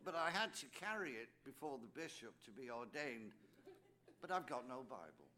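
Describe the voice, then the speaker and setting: A man's voice: medium pitch, very animated, moderate pace, background noise. An older man with an English accent, a priest giving a personal testimony speech at a recovery meeting, anecdotal and dropping joking asides to the audience. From England. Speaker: priest sharing his story at a recovery meeting.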